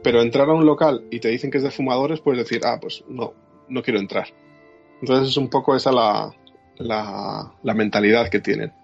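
Gravelly man, lo-fi audio. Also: mid-range voice, steady tone, a little fast. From Spain. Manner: explains at length with restarts. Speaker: podcast guest living in Japan. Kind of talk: casual conversation. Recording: dull lo-fi sound, faint music.

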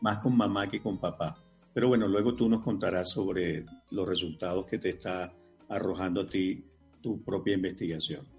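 A Venezuelan man hosting an interview and asking measured, courteous questions. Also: low voice, steady tone, gravelly, faint music behind. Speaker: host.

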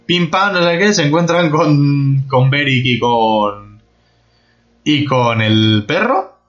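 A man's voice: a little high, animated, slow pace, fairly bright tone. A man, a podcast host, ranting angrily and profanely about a TV episode in a slightly dull lo-fi recording with faint music. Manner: angry, profane, incredulous ranting. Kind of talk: ranting TV review.

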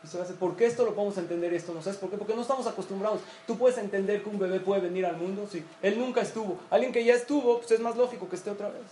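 A man's voice: high-pitched, very fast, few pauses, mellow, slight background noise. A man giving a sermon, telling a parable and asking his listeners questions. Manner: storytelling, asks and answers questions. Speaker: rabbi giving a talk. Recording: echoey room with faint ambience.

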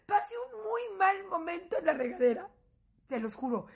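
Mexican woman vlogger, high voice, animated, salty storyteller who acts out voices. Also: normal speed, creaky. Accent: Mexican Spanish. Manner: animated, swearing, laughing through her story. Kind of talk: casual storytelling to viewers.

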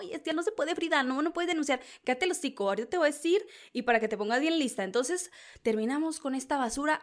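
Gushing Mexican woman gossip host. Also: on the high side. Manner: dramatic, gushing, chatty, addresses listeners as sisters. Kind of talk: casual celebrity gossip chat.

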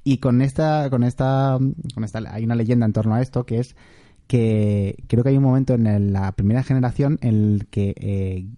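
A man's voice: mid-range voice, fairly even intonation, normal speed, mellow, no echo. A man chatting casually on a podcast, telling stories and acting out quoted dialogue. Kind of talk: casual chat.

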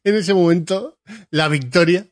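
Wisecracking co-host, higher voice. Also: male voice, unhurried, no room sound. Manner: dry wisecracking interjections. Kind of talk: casual chat.

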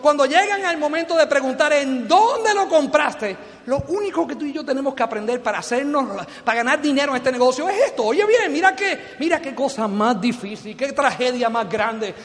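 A middle-aged Puerto Rican man with a strikingly high voice gives a lively motivational talk, joking with the crowd and acting out the voices he quotes. His words ring out with a long hall reverb. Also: moderate pace, few pauses. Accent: Puerto Rican Spanish. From Puerto Rico. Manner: animated and joking, acting out quoted voices, asking the audience questions. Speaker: motivational business speaker. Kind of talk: motivational speech to a live audience. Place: large hall before an audience.

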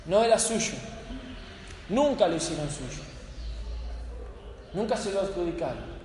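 A man preaching a sermon, telling stories dramatically and slowing down with weighty pauses for emphasis. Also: high-pitched, animated, darkish tone. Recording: echoey hall with faint noise.

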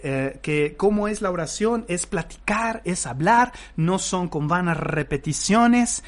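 A pastor with a Mexican Spanish accent leads a live-streamed Bible lesson. He speaks slowly in a fairly high voice, reads scripture aloud and stops often to exclaim praise. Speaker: pastor teaching a Bible class.

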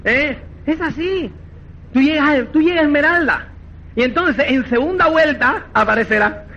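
A man giving a motivational network marketing seminar, animated and acting out quoted dialogue, repeatedly checking that listeners follow. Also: extremely high pitch, normal speed, lo-fi sound. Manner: animated, acts out quoted dialogue, keeps asking "¿me entiendes?".

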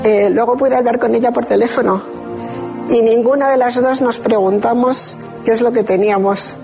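A woman giving an interview, telling a deeply personal story in a measured, reflective way with hesitant restarts. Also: fairly even intonation, vocal fry, music in the background. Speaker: interview guest. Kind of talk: emotional personal testimony.

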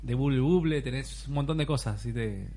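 Fast-talking Argentine young man. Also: mid-range voice, dark tone. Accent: Rioplatense Spanish. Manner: eager, explaining with many restarts. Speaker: panelist showing a game. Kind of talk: casual group chat.

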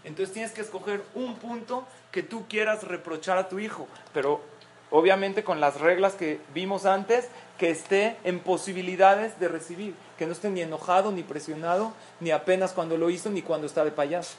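A woman's voice: on the low side, normal speed, a little hiss or hum. A middle-aged woman giving a parenting talk to a group of mothers, explaining points and acting out example quotes. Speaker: parenting class speaker.

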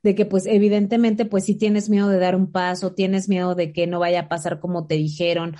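Mellow-voiced woman, eager co-host. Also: fairly low pitch, little pitch movement, moderate pace. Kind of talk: casual chat.

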